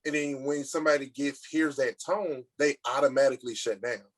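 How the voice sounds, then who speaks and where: A man's voice: medium pitch, steady tone, fairly quick, no room sound. Man, podcast host, dry close sound, earnest, acts out examples. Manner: earnest, explains with acted-out examples. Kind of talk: casual podcast conversation.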